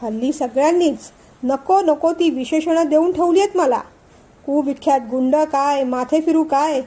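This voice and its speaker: A woman's voice: sits high, normal speed, dark tone, lightly acted. A woman voicing an irritable young man in a storybook reading, snapping short angry questions. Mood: irritated.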